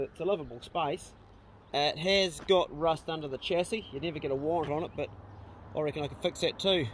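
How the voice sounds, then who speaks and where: Higher-voiced man, broad Kiwi accent. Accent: New Zealand, broad. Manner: laid-back slangy talk, ending with "eh" and "bro". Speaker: vlog host. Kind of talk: casual vlog chat. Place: outdoors on rural land. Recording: noisy outdoor ambience.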